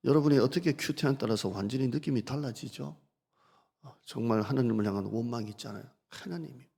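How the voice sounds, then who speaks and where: Male pastor, low husky voice, preaches with rhetorical questions, echoing church hall. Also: mellow. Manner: asks the congregation rhetorical questions; reads scripture slowly and deliberately. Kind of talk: sermon. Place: church sanctuary. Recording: long reverb of a church hall.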